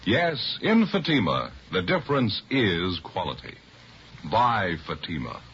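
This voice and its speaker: A man's voice: fairly low pitch, wildly swooping pitch, unhurried, a bit bright, slight background noise. A man doing scripted 1950s radio announcing in a declamatory, emphatic way. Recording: muffled vintage radio recording. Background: music.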